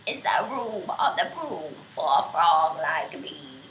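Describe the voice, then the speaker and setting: A woman putting on a croaking frog, deep, cheerful, storybook, roomy echo. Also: very animated, slow pace, a bit bright, a little hiss or hum, full character voice. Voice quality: low and croaky.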